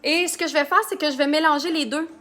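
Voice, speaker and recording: A woman's voice: high voice, steady tone, fast, pushed and bright, soft background music. A woman from Canada with a Quebec French accent, giving a chatty live makeup tutorial and greeting viewers by name. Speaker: makeup consultant. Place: home, under a ring light.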